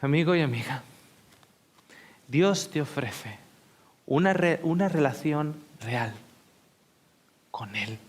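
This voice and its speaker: A male pastor preaching a sermon as heartfelt personal storytelling, often dropping to hushed whispers before speaking up with emphasis. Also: fairly high pitch, expressive, takes it slowly, pauses often. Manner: shifts between hushed whispers and louder emphatic speech.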